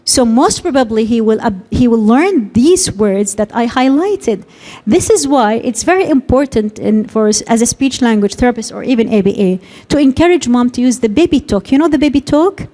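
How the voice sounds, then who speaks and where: A woman speech and language consultant presents to a conference audience, her plain throughout. Her voice sits somewhat high with a soft, mellow tone. She keeps stopping to act out how a parent might talk to a child. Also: expressive, moderate pace. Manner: explains with many acted examples of parent talk.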